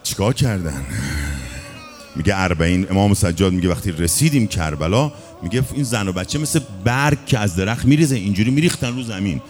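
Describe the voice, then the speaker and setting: A man's voice: on the low side, expressive, a little mellow. A man reciting a mourning sermon as a religious eulogist, in an impassioned, half-chanted lament, with music underneath.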